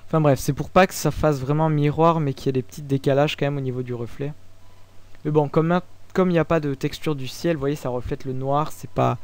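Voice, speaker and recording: Casual, halting young Frenchman explaining software. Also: on the high side. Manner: halting, many fillers and restarts, relaxed and informal. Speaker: tutorial maker. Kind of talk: casual screen-recorded software tutorial.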